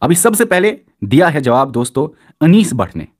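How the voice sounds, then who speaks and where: Speaking at a moderate pace in a voice on the high side, a man runs a live online quiz class. He reads out students' answers and cheers them on energetically, repeating his praise again and again.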